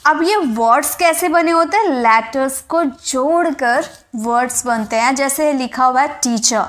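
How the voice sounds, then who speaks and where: High-voiced woman teaching English slowly. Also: fairly bright tone. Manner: explains patiently, repeats examples slowly. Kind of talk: spoken English lesson in Hindi.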